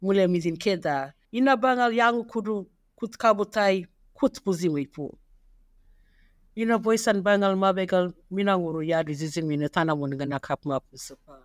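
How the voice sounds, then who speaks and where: Guy reading an explainer script, kinda high voice, dry close sound. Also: brisk, no echo. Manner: steady reading of quotes and numbered points. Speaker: narrator. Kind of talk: read-aloud explainer narration.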